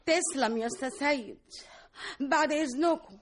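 An actress playing a gossipy, resentful Egyptian salon worker in a radio drama, quick to exclaim. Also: female voice, sits high, a little hiss or hum, natural voice. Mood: alarmed. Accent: Egyptian Arabic. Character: gossipy resentful woman coworker, easily alarmed.

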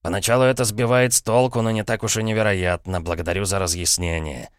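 A man's voice: fairly low pitch, fairly even intonation, quick pace, smooth, no echo, studio quality, natural voice. A man doing a mocking middle-aged uncle. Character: jovial, mocking middle-aged brother-in-law with a shady past. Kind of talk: audiobook character reading.

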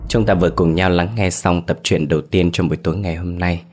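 A man narrating a scripted ghost story in a calm, measured storytelling manner. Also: low voice, slight background noise.

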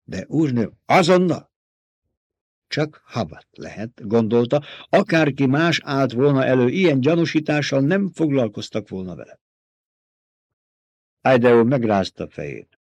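A man narrating an audiobook with an expressive, dramatic reading. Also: medium pitch, no echo.

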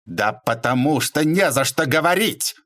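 A man voicing an irritable middle-aged shop owner who snaps and shouts when pushed. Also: mid-range voice, very animated, moderate pace. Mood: shouting. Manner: exasperated, shouting.

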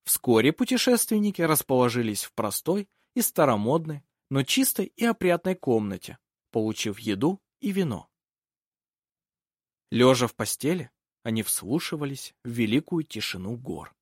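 A male audiobook narrator reading a story calmly. His voice moves lively in pitch and the recording is close and dry. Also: normal speed, breathy edge, no echo. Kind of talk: scripted narration.

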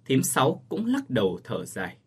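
A man narrating a ghost story in a measured storytelling manner. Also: medium pitch, huge pitch swings, a little mellow, husky.

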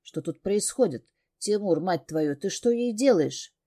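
A woman's voice: medium pitch, expressive, a little slow, warm tone. A woman voicing a stern, brusque man in an audiobook, curt and demanding.

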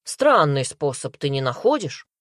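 A woman with a deep voice performs an audiobook character: a male detective, furious, barking harsh and pressing questions at a suspect. She speaks a little slowly with big pitch swings, in clean studio sound without echo.

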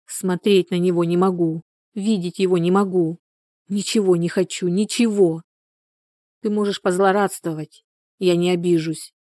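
A tearful pregnant young woman, worn down and desperate, as a woman reader voices her. She pleads in broken, repeated phrases, her voice low and mellow. The read is close and dry. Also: steady tone, normal speed, no echo, close to an everyday voice. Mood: despairing. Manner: pleading, breaking repetitions.

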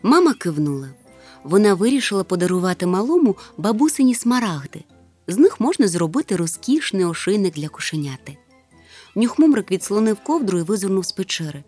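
A woman narrating a children's storybook in a lively, expressive way. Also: medium pitch, fairly quick. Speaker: audiobook narrator. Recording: soft music under the reading.

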